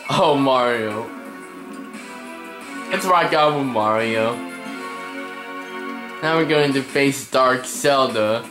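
A young man giving let's play commentary on a video game, excitable and yelling at the game when frustrated. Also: medium pitch, slow, pauses often. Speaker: gameplay commentator. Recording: echoey room with game music behind. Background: game music.

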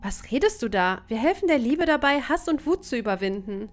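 Woman reading a determined young ghost-hunter girl from a horror game, eager and insistent, pitched up a little. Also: big pitch swings, a little fast.

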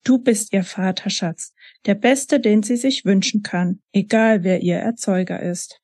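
A woman reading the lines of a mother who speaks softly and coaxingly, full of guilt. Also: mid-range voice, unhurried, no room sound, studio quality, close to an everyday voice. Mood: soothing. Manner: soft, coaxing. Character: mother, gentle and soothing, guilty.

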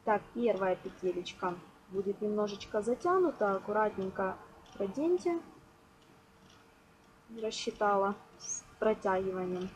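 A woman hosts an informal tutorial at an indoor table, explaining a hands-on craft step by step and favoring diminutives. Her medium-pitched voice is animated, a little slow, and she pauses often. The amateur home recording is noisy.

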